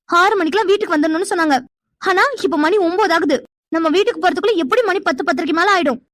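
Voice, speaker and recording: A woman's voice: very high-pitched, no echo, studio quality. A woman voicing a bossy, protective young village girl who scolds and insists in a cartoon. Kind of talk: cartoon voice acting.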